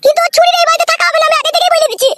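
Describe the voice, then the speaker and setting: A woman's voice: very high voice, steady tone, racing. A woman voicing a quarrelsome village wife in a comedy cartoon, who scolds and hurls insults. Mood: arguing. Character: shrill, quarrelsome village wife and mother-in-law. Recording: loud noisy background.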